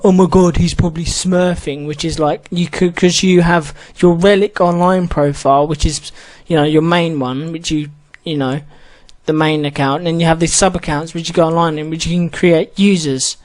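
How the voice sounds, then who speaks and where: A man ranting casually about an online match, swearing often and rambling with many restarts. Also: on the high side. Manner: heated, swears a lot, rambling with frequent restarts. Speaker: gaming channel host.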